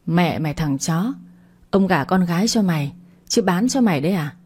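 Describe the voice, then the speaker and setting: A woman voicing an enraged older village father who shouts curses and insults, in storytelling narration. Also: fairly low pitch, expressive, normal speed, breathy edge. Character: furious old village father, brawling.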